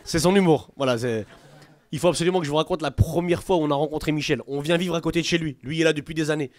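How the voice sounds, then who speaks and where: A man doing stand-up at a comedy club, telling stories with a punchy, animated delivery. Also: on the high side, very fast, slight background noise. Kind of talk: stand-up storytelling.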